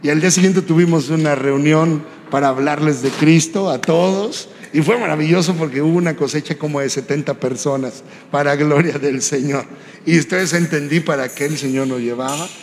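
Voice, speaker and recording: A man preaching a sermon, telling a personal story in a conversational way and often tagging his lines with a quick question. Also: fairly high pitch. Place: church hall. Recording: reverberant church hall, faint background noise.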